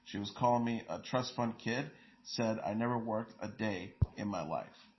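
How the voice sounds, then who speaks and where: A man reads entertainment news as host, his voice sitting low. He carries quotes in the same plain tone, tripping now and then on a word. The recording sounds dull and lo-fi. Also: normal speed, a little hiss or hum.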